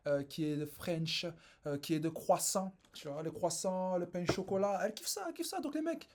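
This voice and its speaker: A man coaching casually, emphatic, with big swings of pitch and repeated phrases. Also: a little mellow. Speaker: dating coach. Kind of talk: casual street coaching advice.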